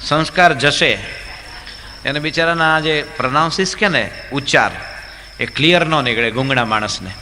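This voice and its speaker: A man's voice: on the high side, normal speed, bright, forceful tone. A man, a swami, telling funny stories in a religious discourse, chatty and asking the audience questions. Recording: echoey hall, faint background hum.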